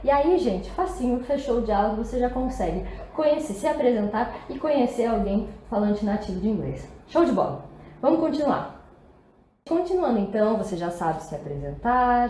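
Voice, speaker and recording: A Brazilian woman gives a casual English lesson in a chatty, upbeat voice. She keeps asking her viewers rhetorical questions. Her voice sits a little high and sounds mellow, recorded in an echoey room with faint background noise. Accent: Brazilian Portuguese. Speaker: English teacher.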